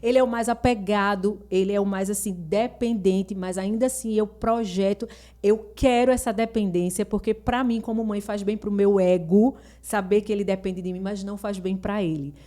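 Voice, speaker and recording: A middle-aged woman, a mother appearing as a guest on a school podcast, chatting frankly and telling lively family stories. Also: mid-range voice, moderate pace. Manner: lively storyteller who acts out family dialogue; frank and opinionated. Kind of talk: casual podcast chat.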